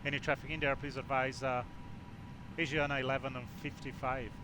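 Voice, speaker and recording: A man playing a flight simulator, making pilot radio calls in aviation phraseology, halting with frequent fillers between phrases. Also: medium pitch. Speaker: flight simulator pilot on online air traffic network. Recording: steady background noise.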